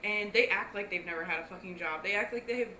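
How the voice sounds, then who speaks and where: A woman's voice: mid-range voice, fast talker, sharp tone, slight background noise. A young woman in casual podcast chat, blunt and swearing freely, her talk full of "like". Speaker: podcast guest. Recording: echoey room, faint ambience.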